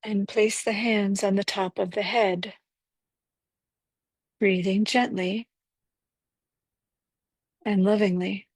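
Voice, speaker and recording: A woman leading a guided breathwork meditation, giving gentle, unhurried instructions with pauses. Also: mid-range voice, flat delivery, no echo.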